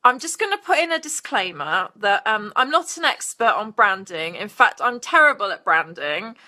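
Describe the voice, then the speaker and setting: A woman's voice: mid-range voice, sing-song, moderate pace, sharp tone. A young British woman hosting a casual live stream, bubbly and crude in her jokes, greeting viewers by name. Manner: bubbly, crude jokey asides. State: out of breath.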